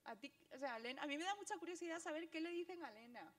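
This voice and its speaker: Andalusian woman speaker, young, high-pitched, quick and lively, laughs often while telling stories to a crowd. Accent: Andalusian Spanish. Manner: fast, animated, laughing storyteller. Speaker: guest speaker, graphic novelist. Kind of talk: public talk at a book presentation.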